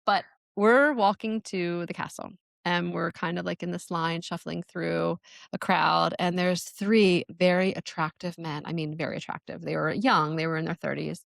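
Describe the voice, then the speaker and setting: A woman's voice: on the low side, fairly even intonation, moderate pace, gravelly, no echo, clean studio sound. A middle-aged woman from New Jersey hosting a podcast, telling a travel story in a chatty way, laughing often and acting out quotes. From New Jersey, USA. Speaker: podcast host. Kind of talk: casual storytelling.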